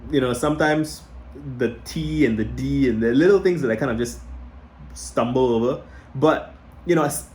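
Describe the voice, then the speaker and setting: In a mid-range, darkish voice, a Singaporean-accented man in his thirties talks to camera for a casual vlog. His delivery is conversational and meandering, full of self-corrections and restarted sentences.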